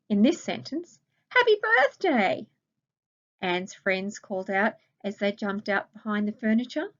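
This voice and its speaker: A woman's voice: mid-range voice, highs cut off. A woman with an Australian accent, a primary school teacher patiently explaining a recorded grammar lesson to children and asking them questions.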